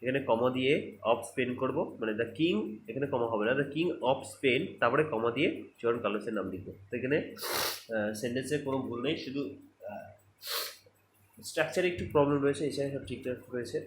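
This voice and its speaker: A man's voice: mid-range voice, a little hiss or hum. A man with a Bengali accent teaching English grammar, explaining each point step by step and checking in with rhetorical questions. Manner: explains step by step, reads sentences out slowly, asks rhetorical checks. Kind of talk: online grammar lesson. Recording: echoey room with faint ambience.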